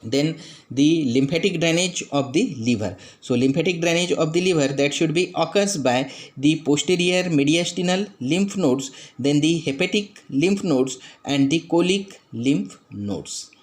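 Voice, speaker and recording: A man with an Indian English accent gives an anatomy lecture. His voice sits a little high, and he walks through each structure in turn, pointing things out and stringing his phrases together with "that is.". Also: lively intonation, unhurried. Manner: explains step by step, pointing out structures; frequent "that is" and "after then" phrasing.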